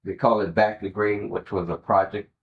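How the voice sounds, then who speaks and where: A man's voice: lowish voice, steady tone, moderate pace, creaky, narrow, tinny audio. A man giving an oral history interview, sharing recollections as an interviewee.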